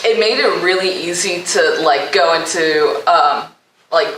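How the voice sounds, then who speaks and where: A woman's voice: fairly low pitch, measured pace, fairly bright tone, a little hiss or hum. A young woman being interviewed about her show, talking hesitantly with many fillers and shy laughs. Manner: hesitant, lots of "um" and "like", laughs shyly. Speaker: guest, cast member. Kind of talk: casual interview. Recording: echoey room, mic at a distance.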